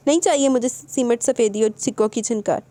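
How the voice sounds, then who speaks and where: A woman's voice: a little high, dark tone, no room sound, lightly acted. A woman voicing a devoted young bride, emotional and tearful. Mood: impassioned. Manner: tearful, impassioned.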